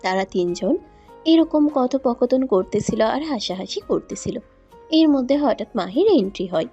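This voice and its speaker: A woman narrating a scripted love story in a calm storytelling manner. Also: on the high side, normal speed, slightly rough, lo-fi sound, soft background music.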